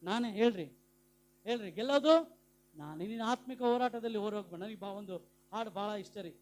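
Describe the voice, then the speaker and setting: A male pastor, preaching a sermon in call and response and swinging from hushed lines to loud ones. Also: high voice, animated, a little fast.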